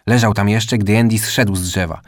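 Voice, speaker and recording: A man reading a children's story aloud in calm, scripted narration. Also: on the low side, moderate pace, no room sound, clean studio sound. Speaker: audiobook narrator.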